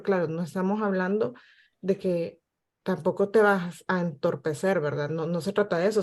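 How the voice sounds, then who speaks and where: A woman on a podcast, adding her thoughts in a measured way. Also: fairly low pitch, warm tone. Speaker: podcast co-host.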